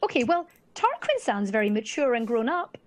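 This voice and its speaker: A woman joining a tabletop game as a player, with a slightly raised voice. She chats playfully and fires off quick questions to the table. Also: a little high, big pitch swings.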